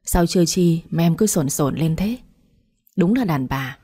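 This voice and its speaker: A woman's voice: low-pitched, lively intonation, measured pace, dark tone, husky, exaggerated voice. A woman voicing an exasperated husband. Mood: dismissive. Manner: dismissive, placating. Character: exasperated middle-aged village husband.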